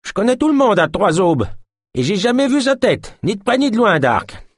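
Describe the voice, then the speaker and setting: Shaky old lady in rags, high and wobbly, a guy doing her voice, dry husky read. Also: sing-song, normal speed, no room sound, full character voice. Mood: insistent. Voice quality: quavering. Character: quavering wrinkled old woman in rags.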